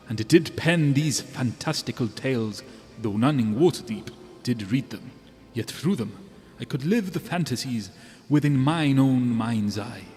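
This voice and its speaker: A man's voice: medium pitch, darkish tone, natural voice. A man voicing the melancholy, anguished ghost of a writer in a tabletop game, with an unearthly, haunting voice and theatrical archaic diction. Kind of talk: tabletop role-play. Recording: long reverb, music underneath.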